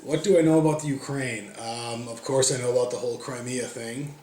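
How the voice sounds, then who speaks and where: An American man answering interview questions in a relaxed, casual way with frequent ums. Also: medium pitch, fairly quick. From United States. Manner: relaxed, many ums and uhs. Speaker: interview guest. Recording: echoey room, faint background noise.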